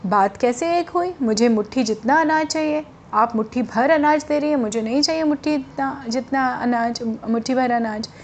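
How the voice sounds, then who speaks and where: A stubborn, loud wood seller from a children's story, played by a woman storyteller, calling out his wares in long, drawn-out shouts. His voice sits high and he keeps insisting on his terms. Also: a little hiss or hum, natural voice. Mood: insistent. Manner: drawn-out hawker's calls, insistent.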